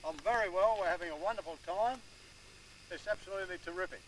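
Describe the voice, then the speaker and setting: A man with a slightly high voice chats in a friendly, easygoing way. He sounds a little far from an old camcorder mic. Loud background noise runs under his words. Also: fast. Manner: warm and chatty, says "love" and "over". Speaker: traveller. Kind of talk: home video chat and radio call.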